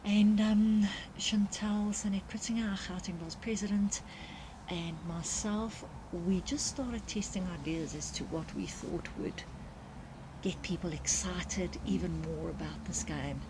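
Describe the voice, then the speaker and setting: A woman's voice: on the low side, fairly even intonation, unhurried, noisy background. A woman with a South African accent giving live, unscripted sports commentary. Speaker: commentator and club marketing organiser.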